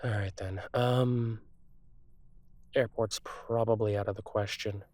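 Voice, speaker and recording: A man playing a streetwise, wry car thief on the run in a conversational audio role-play, talking casually with thoughtful pauses. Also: lowish voice, steady tone, darkish tone, no room sound. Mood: dry, loyal.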